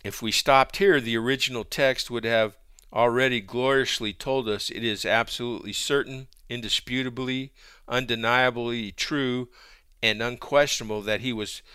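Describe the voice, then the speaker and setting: A man preaching a sermon in an emphatic, measured way, stacking lists of words for stress. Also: mid-range voice, bright, forceful tone, smooth, no room sound, clean studio sound. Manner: emphatic, measured delivery with repeated word lists.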